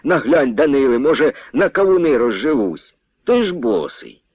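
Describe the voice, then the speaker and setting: A man's voice: medium pitch, very animated, moderate pace, slightly rough, no room sound. A man reading the lines of a carefree young salt trader with an easygoing, joking way of talking. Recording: tinny phone-like radio sound.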